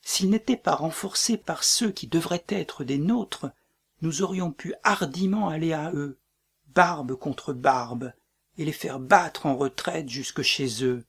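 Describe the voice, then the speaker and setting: A man reading the part of a doomed tyrant king in a dramatic play reading, brooding and breaking into shouts. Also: fairly high pitch, slow pace, gravelly, husky, exaggerated voice. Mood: commanding.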